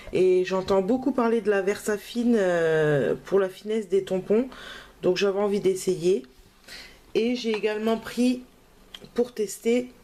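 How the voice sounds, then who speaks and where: A French crafting vlogger with a mid-range, darkish voice shows off her purchases in a casual haul video. Her delivery is relaxed and hesitant, full of fillers.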